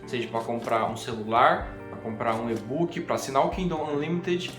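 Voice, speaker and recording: A man's voice: medium pitch, moderate pace. A young man with a Brazilian accent chatting casually as a book vlogger, informal and repeating phrases for emphasis. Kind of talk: casual chat to camera. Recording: echoey room with faint music.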